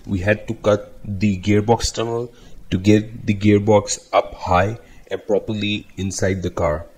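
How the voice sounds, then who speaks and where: Speaking slowly and plainly with occasional fillers, a man from India explains his car build in a low, slightly mellow voice. This vlogger switches between casual voice-over and commentary on site, and parts sound phone-recorded in a garage workshop.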